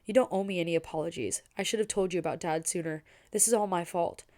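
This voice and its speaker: A woman's voice: lowish voice, fast, dark tone, lightly acted. A woman voicing a humble older brother from a farm who talks earnestly and with regret, read in an audiobook style. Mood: regretful. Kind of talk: audiobook reading.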